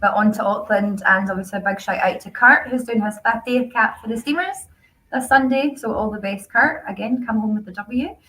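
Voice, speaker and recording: A woman with a Glasgow accent, co-hosting a relaxed, upbeat chat show. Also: a little high, brisk, low-quality recording. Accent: Glaswegian. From Scotland. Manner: chatty and upbeat. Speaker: co-host. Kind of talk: casual chat.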